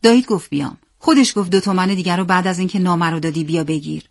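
A woman voicing a bold, insistent street boy who speaks loudly. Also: fairly low pitch, no echo, studio quality, lightly acted. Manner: loud, insistent.

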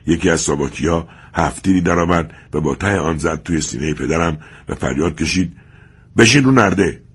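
A man reading a story aloud in steady, measured narration. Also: a bass voice, breathy edge.

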